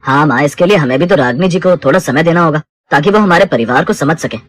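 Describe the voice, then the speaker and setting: A woman's voice: low-pitched, animated, fast talker, no echo. A woman voicing a mild, easygoing young husband in a cartoon story.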